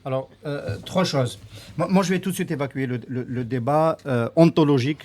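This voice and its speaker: A man's voice: a little high, fairly quick, a little mellow, dry recording. A man from Algeria on a radio panel discussion, hesitant and full of repeated words and fillers.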